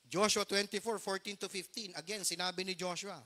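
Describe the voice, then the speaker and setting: A man's voice: high voice, steady tone, fairly quick, bright, forceful tone. A middle-aged man preaching a storytelling sermon as pastor, earnest and mixing English phrases into his Tagalog.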